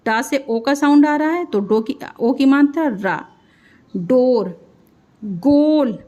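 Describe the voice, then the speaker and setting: A woman with a high voice teaches children to read and write, stretching every syllable out slowly. Her words come at an unhurried, patient pace, each sound spelled on its own before the whole word is said. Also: a little mellow. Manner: slow, drawn-out syllable-by-syllable spelling. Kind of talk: children's Hindi spelling lesson.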